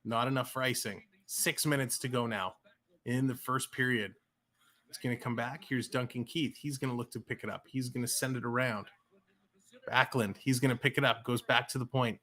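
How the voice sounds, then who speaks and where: Hosting a livestream, this Canadian-accented man from around Toronto mixes casual play-by-play with conversation with his viewers. His mid-range voice stays steady and a bit bright at a normal speed. He reads chat out loud, laughs easily, and keeps things chatty.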